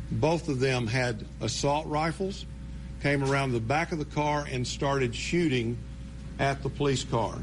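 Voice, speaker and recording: An American man speaking as a police spokesman at a briefing, giving a matter-of-fact, step-by-step account. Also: mid-range voice. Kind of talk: press briefing. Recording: faint background noise.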